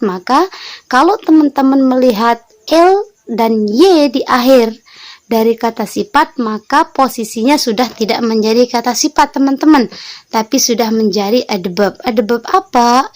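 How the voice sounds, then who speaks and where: Higher-voiced woman teaching vocabulary. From Lombok, Indonesia. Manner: patient, repeats words and meanings, addresses viewers as friends. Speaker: English teacher. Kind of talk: online vocabulary lesson.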